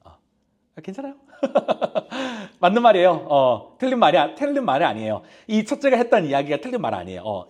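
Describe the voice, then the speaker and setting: A male youth pastor giving a conversational sermon at a church youth service, asking the congregation direct questions and speaking with a gently hesitant manner and many fillers. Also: sits high.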